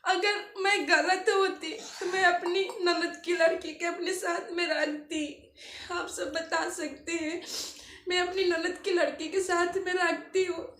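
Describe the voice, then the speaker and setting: Tearful high-pitched woman pleading. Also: level tone, a little slow, fairly bright tone, echoey room. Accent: Bhojpuri-tinged eastern Uttar Pradesh Hindi. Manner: pleading, emotional, repetitive. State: crying. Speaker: vlogger. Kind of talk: tearful personal vlog appeal.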